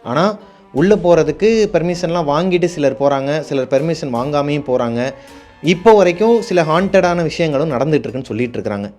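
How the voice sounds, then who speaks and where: A man's voice: on the high side, quick pace, a little mellow, soft background music. A man, hosting a show and telling horror stories in a chatty way, talking straight to his viewers. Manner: chatty, addresses viewers directly. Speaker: horror story host. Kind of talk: casual horror storytelling.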